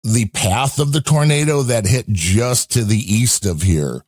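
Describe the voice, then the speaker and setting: A man's voice: medium pitch, unhurried, darkish tone, husky. Give me a man with a middle-range voice, talking on a casual chat show, rambling through a story with lots of asides. The sound is dry and close, with no room echo. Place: home in a storm-hit area.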